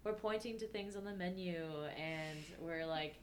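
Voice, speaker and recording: A woman's voice: lowish voice, normal speed, a little hiss or hum. A woman hosting a podcast who chats casually and asks easygoing questions to prompt her guest. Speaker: podcast host. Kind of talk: casual chat.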